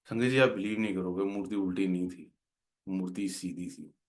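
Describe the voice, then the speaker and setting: A man's voice: sits low, steady tone, normal speed. A man earnestly telling a heartfelt personal devotional story, slipping English words into his talk. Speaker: guest speaker at a devotional gathering.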